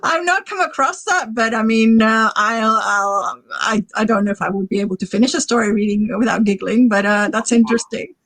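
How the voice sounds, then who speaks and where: A woman's voice: fairly high pitch, a little fast, hardly any pauses, fairly bright tone, no room sound. Dry-voiced woman in her forties, rambling. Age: 40s. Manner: enthusiastic, rambling, filler-heavy. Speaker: guest author. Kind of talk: casual podcast chat.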